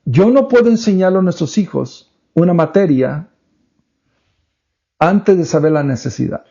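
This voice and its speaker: A man's voice: a little high, lively intonation, unhurried, creaky, mellow. A man co-hosting a faith-based parenting podcast, speaking in an earnest, teaching way and slipping English words into his talk. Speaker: podcast co-host. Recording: dull lo-fi podcast audio.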